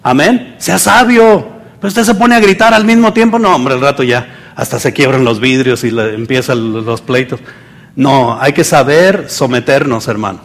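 A man preaching a sermon, swinging between loud emphasis and soft asides and acting out the people he quotes. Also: medium pitch, moderate pace.

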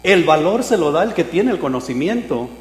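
A man preaching a sermon, telling a humorous personal story with loud exclamations and quiet asides. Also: fairly high pitch, sing-song, moderate pace. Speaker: pastor. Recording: echoey hall with mains hum.

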